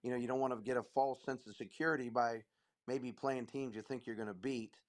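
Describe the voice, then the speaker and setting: A man, a high school basketball coach, speaking as an interview guest in a measured way, repeating phrases as he thinks. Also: fairly even intonation.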